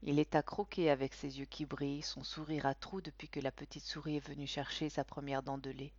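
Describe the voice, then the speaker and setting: A woman narrating a storybook with an expressive, animated reading. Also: low-pitched, a little fast. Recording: dull, dry recording.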